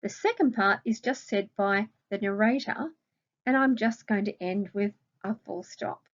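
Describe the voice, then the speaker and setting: Speaking at a measured pace in a mid-range voice, an Australian woman who teaches primary school walks children through a recorded grammar lesson, patiently explaining and posing questions. The audio is dull.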